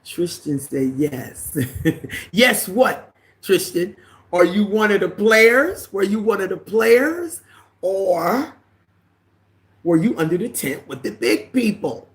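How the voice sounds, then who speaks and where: Living in the Caribbean, a deep-voiced woman runs a casual livestream, greeting viewers by name and reading their comments aloud. She speaks slowly and animatedly, drifting now and then into preachy asides.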